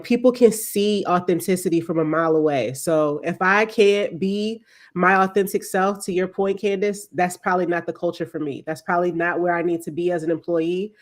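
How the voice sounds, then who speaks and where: A woman moderating an online panel, speaking in a candid, conversational way. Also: fairly low pitch. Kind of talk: panel discussion.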